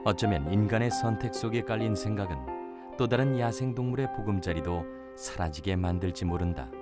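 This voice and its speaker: A man giving scripted nature documentary narration in a measured, solemn storytelling manner. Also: fairly low pitch. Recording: music behind the voice. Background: background music.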